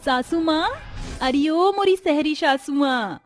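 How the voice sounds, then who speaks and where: A woman voicing a cheeky young village bride from Banaras, speaking in a loud, drawling village dialect with a Bhojpuri-tinged eastern Hindi accent, over soft music. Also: high-pitched, takes it slowly, voice pushed up.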